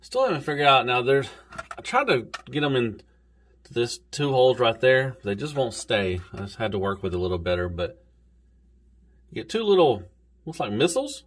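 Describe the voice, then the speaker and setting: A man's voice: medium pitch, big pitch swings, normal speed. A man with a Southern US accent, casually reviewing an action figure in an easygoing, rambling way. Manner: easygoing, rambling, says "golly" and "y'all". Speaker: toy reviewer.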